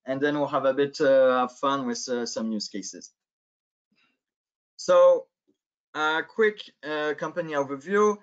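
Over dull, lo-fi video call audio, a French-accented guest speaker in his thirties, a sales manager from France, delivers a webinar from an indoor office via headset. His mid-range voice is clean and measured, pausing often and filled with many filler sounds.

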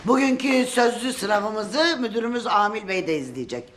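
An actor playing a formal male teacher who asks exam questions slowly and evenly in a TV series scene. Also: high voice, expressive, noisy background. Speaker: history teacher giving an oral exam. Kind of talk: TV series acting.

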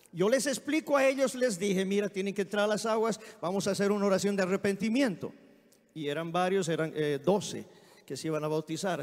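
A man preaching a sermon in a church, telling anecdotes in a lively way and often exclaiming amen. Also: sits high. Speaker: guest preacher. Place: church sanctuary. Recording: long hall reverb.

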